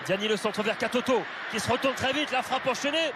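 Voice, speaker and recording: A man giving excited live football commentary, play by play, shouting at big moments. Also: extremely high pitch, brisk. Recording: loud stadium crowd noise. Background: roaring stadium crowd.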